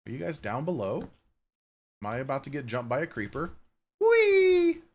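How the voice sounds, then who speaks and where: A man's voice: mid-range voice, animated, fairly quick, husky. A man giving casual, chatty gameplay commentary at home, swearing offhandedly and cooing at his cat. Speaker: Minecraft streamer.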